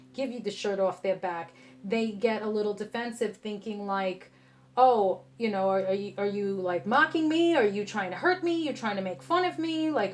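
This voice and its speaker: A woman's voice: medium pitch, a little mellow, slight background noise. Blunt New woman reading tarot. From New York. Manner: blunt and passionate, keeps asking "okay?". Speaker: tarot reader. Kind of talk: casual tarot reading to camera.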